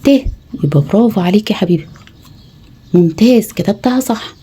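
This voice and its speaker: A woman's voice: mid-range voice, animated, fast, warm tone, husky. A woman with an Egyptian Arabic accent, teaching mothers how to tutor their children, patiently spelling out letters one by one. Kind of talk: home tutoring lesson.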